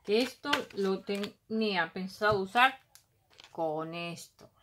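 Speaking slowly in a mid-range voice over some background noise, a middle-aged woman from Spain's Basque Country unpacks craft purchases at a home table. She talks casually, musing aloud and humming filler sounds as she goes.

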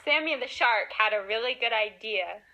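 A woman telling a cartoon story in a simple, earnest manner. Her voice is clear and bright, pitched somewhat high. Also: expressive, moderate pace, low-quality recording. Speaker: narrator. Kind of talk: storybook narration.

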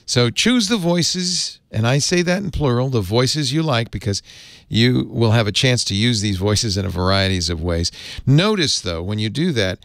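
Male tutorial host, easygoing and chuckly; animated pitch, dry sound. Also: normal speed, dry recording. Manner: chatty, chuckles often, easygoing explaining. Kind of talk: casual tech tutorial.

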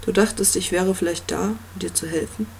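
A reader voicing an ancient, commanding yew-tree monster in an audiobook, with a slow, stately delivery. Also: medium pitch, fairly even intonation, creaky, a little hiss or hum, close to an everyday voice. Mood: calm, knowing. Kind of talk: audiobook reading.

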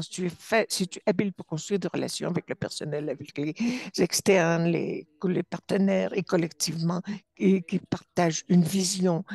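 A woman's voice: mid-range voice, vocal fry, darkish tone, dry recording. Hesitant woman interpreting live. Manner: halting, frequent restarts and self-corrections. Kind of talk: simultaneous interpretation of a webinar.

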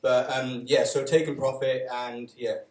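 Flat-voiced man giving advice. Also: medium pitch, unhurried. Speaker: panelist. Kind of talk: live panel talk. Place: coworking space event room. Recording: echoey room.

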